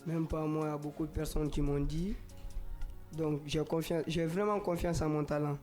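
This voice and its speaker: A man's voice: a little high, fairly even intonation, moderate pace, a little mellow, soft background music. Young man giving short casual answers. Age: young adult. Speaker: young singer, guest. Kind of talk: interview answers.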